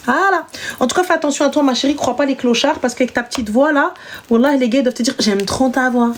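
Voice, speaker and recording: A woman's voice: sits high, steady tone, rapid-fire. A young woman hosting a casual live stream, chatting with callers in a slangy, teasing, big-sister way. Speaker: live stream host giving advice.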